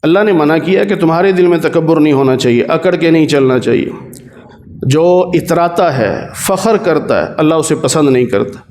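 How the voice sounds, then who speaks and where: A man with a Pakistani Urdu accent teaches a Quran commentary lesson in a fairly high voice. He explains each verse plainly and repeats his key points. He recites the Arabic verses slowly. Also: darkish tone.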